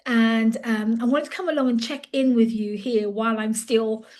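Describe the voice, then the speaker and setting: A British leadership coach in her late fifties gives her viewers a casual, chatty update straight to camera, with frequent fillers and restarts. Her voice is fairly high, a little mellow, with fairly even intonation and a moderate pace.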